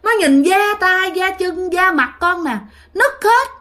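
A woman's voice: extremely high pitch, lively intonation, slow, bright, forceful tone, pitched above the performer's own voice, full character voice. A woman voicing the ghost of a cremated father who pleads and complains that his skin is burning. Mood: wailing complaint. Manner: plaintive, pleading, repeating cries of heat.

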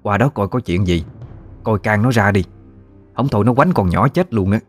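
A man's voice: fairly low pitch, normal speed, soft background music, lightly acted. A man voicing a bossy middle-aged woman, commanding and reproachful.

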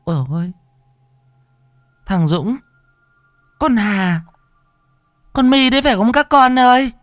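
A man's voice: expressive, slow pace, no echo, studio quality, exaggerated voice. A man voicing a terrified old village woman in a ghost story, crying out in panic and stammering. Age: older. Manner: panicked, shrill, stammering cries.

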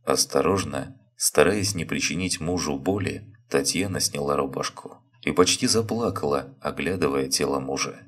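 A man with an extremely deep, low voice reads a story aloud. His narration is calm and measured, paced like an audiobook. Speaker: reader.

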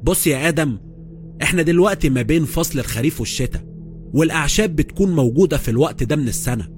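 A woman's voice: low voice, expressive, racing, a little mellow, soft background music. A man voicing a worried young woman who is an expert in magic, with an Egyptian accent. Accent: Egyptian Arabic.

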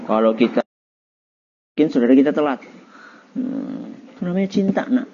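Male religious teacher, animated pitch, husky warm tone, lo-fi classroom recording. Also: normal speed. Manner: lively, quizzing students, laughing. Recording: dull lo-fi recording.

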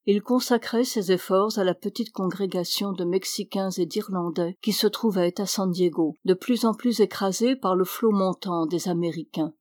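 A woman reading a novel aloud as audiobook narration, in a measured, even manner. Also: medium pitch, dry recording, clean studio sound. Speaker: audiobook reader. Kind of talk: scripted narration.

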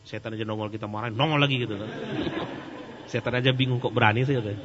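A man giving a casual question-and-answer sermon, joking and animated. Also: mid-range voice, fast talker, big-room sound. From Sumatra. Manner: joking and animated, laughs at his own jokes. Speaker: Islamic preacher. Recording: muffled lo-fi recording with faint hum.

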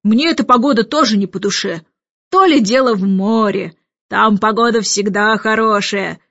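A woman's voice: moderate pace, a bit bright, no room sound, dull audio. A woman voicing a blustering old admiral who roars his complaints, in an audiobook. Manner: booming, roaring.

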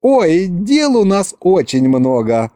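Giddy vampire girl, man puts her on, high and swoopy, gushing slow, storybook voice. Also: big pitch swings, dark tone, no room sound, clean studio sound. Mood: dreamy. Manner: sighing, drawn-out, breathless gushing. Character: giddy young vampire girl, dreamy and excitable. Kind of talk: audiobook character reading.

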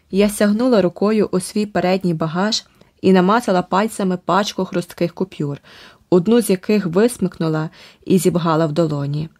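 A woman narrating an adventure audiobook in a steady, vivid storytelling manner. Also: fairly low pitch, no echo, studio quality. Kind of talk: scripted narration.

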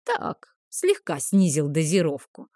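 A woman's voice: mid-range voice, big pitch swings, a little slow, warm tone, no echo, clean studio sound. A woman voicing a smug, vengeful old male healer who drawls and gloats. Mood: gloating.

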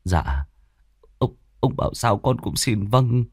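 A man's voice: on the low side, very animated, slow, creaky, husky, no echo, clean studio sound, exaggerated voice. Brief: terrified young frog-catcher, stammering pleas, read by a male narrator. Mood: frightened. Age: 20s. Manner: pleading, stammering. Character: frightened young peasant frog-catcher, begging.

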